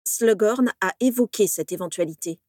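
A woman's voice: medium pitch, normal speed, a little mellow, no room sound, studio quality, natural voice. A woman voicing an earnest young male wizard student who pleads and insists, conciliatory but exasperated. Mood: pleading.

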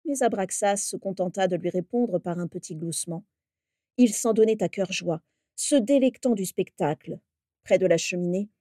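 A woman calmly narrating a fantasy story in a measured reading. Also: medium pitch, dry recording, clean studio sound. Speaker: reader of a fan story.

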